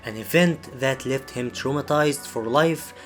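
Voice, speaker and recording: Serious male narrator over soft music. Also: medium pitch, a little slow. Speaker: video essay narrator. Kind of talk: scripted narration.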